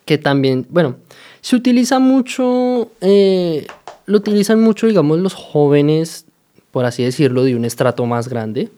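A man from Colombia with a Colombian accent, casually explaining everyday slang to his viewers. He talks in a chatty, unhurried way, with many fillers and quick "¿sí?" checks. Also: on the high side, big pitch swings, dark tone. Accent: Colombian Spanish.

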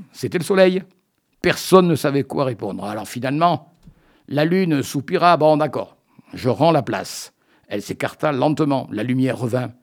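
A man's voice: medium pitch, gravelly, a little mellow. A man in a radio studio delivering a comic radio chronicle in a playful, teasing, mock-solemn way. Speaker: radio columnist.

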